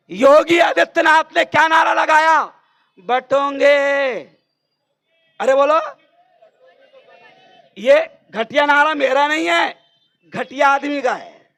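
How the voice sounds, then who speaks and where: A man delivering a fiery campaign speech at a political rally, shouting call-and-response lines to the crowd. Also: very high-pitched, vocal fry.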